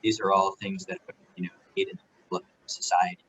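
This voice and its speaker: A man speaking as an investor on a panel through a remote video call, his audio choppy and glitchy, talking in a halting way with fillers and restarts. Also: on the low side, sing-song, gravelly, fairly bright tone, slightly rough, dry recording, low-quality recording. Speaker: private equity investor on a panel.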